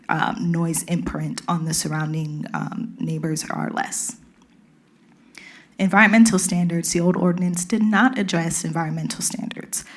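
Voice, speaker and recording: A woman with a Caribbean accent, a city staff presenter giving a formal policy briefing to a council, methodically walking through each change point by point. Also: low-pitched.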